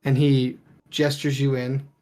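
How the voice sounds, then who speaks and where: A man running a tabletop game as its narrator, talking casually and rambling with plenty of fillers. His voice sits at an ordinary middle pitch. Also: flat delivery, measured pace, a little mellow. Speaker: game master.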